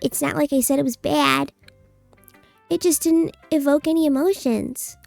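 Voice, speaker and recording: A woman's voice: high voice, steady tone, normal speed, creaky, a little mellow, dry recording, soft background music, pitched above the performer's own voice. A woman streamer voicing a bratty, defensive anime schoolgirl from a visual novel game in a cutesy, huffy voice. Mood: huffy, dismissive. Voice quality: cutesy, annoying anime-girl voice.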